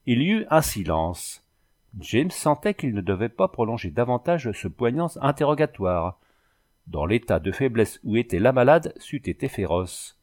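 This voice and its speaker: A man reading a novel aloud as narrator, in an expressive storytelling way. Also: medium pitch, moderate pace. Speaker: audiobook reader.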